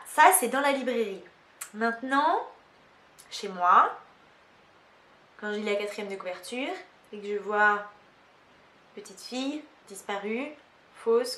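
A chatty woman book vlogger talks to camera in a fairly high voice, full of fillers and self-mocking asides. The sound carries a roomy echo. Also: pushed and bright. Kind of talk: casual chat to camera.

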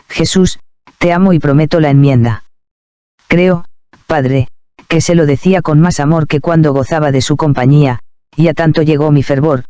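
A man calmly and reverently reading a first-person devotional memoir aloud as narrator. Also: fairly high pitch, smooth, no room sound, muffled recording.

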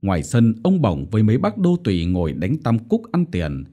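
A man narrating a short story as an audiobook in a measured storytelling manner. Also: lowish voice, huge pitch swings, warm tone, slightly rough, muffled recording.

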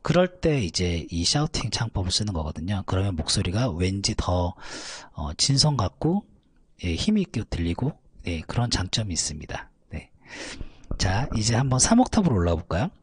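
A man teaching a vocal lesson, calmly explaining technique between high belted demonstrations. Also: moderate pace, husky, no room sound. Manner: explains calmly, then belts high shouted notes. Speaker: vocal coach.

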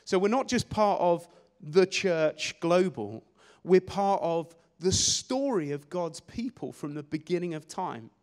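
A young man preaching a sermon on a church stage with a handheld mic, energetic and gesturing, often repeating words as he restarts phrases. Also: high voice, measured pace, hardly any pauses. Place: church stage in a large hall. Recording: long hall reverb.

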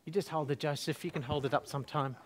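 A man's voice: fairly high pitch, fairly even intonation, fast, slight background noise. A man pastor leading a Christmas story at a church service, playfully coaching the crowd through call-and-response prompts.

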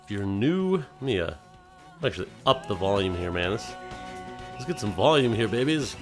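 A man's voice: on the low side, very animated, normal speed, music in the background. A man hosting a casual game livestream, chatting loosely and playfully with viewers and slipping into silly voices. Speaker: livestream host.

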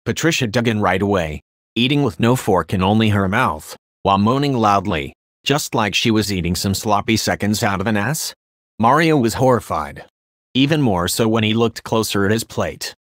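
A man narrates his own crude comic story in a flat, deadpan read. His voice sits on the low side. The recording is close and completely dry. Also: normal speed, dry recording.

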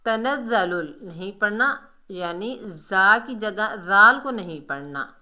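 A woman's voice: mid-range voice, expressive, slow, pushed and bright. A woman teaching Quran recitation rules, patiently explaining pronunciation step by step and drawing out recited words as examples. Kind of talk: tajweed lesson explaining pronunciation.

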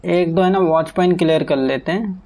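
A man's voice: high-pitched, brisk, darkish tone, rough recording. A man giving casual commentary as he plays a game, chatting to his truck and his viewers. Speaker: gaming streamer. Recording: faint game sounds in background.

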